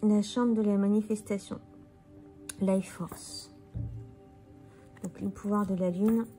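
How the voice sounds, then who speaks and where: A woman's voice: medium pitch, steady tone, takes it slowly, dark tone, soft background music. A tired woman casually musing aloud as she turns over and presents tarot cards. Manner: musing, thinking aloud while turning cards. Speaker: tarot card reader presenting a deck. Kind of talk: casual deck walkthrough.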